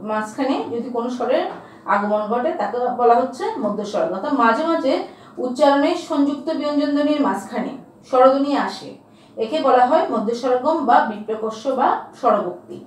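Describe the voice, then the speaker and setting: A woman with a high voice teaches a grammar lesson, asking her students questions and answering them herself. She repeats key terms slowly. The recording is very echoey, with the voice far from the microphone. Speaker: school teacher.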